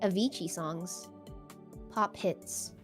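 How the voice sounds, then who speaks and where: A woman's voice: lowish voice, slow, a bit bright. A woman chatting casually on a livestream in a playful, giggly, bubbly anime-streamer manner, with music behind her. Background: background music.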